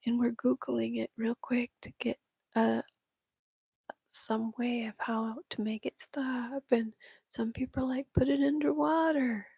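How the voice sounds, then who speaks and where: A woman's voice: a little high, level tone, measured pace, creaky, warm tone, husky, dry recording. A woman whispering through a casual Q&A chat, rambling and giggling at herself. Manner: rambling, giggly, self-mocking. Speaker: channel host answering viewer questions.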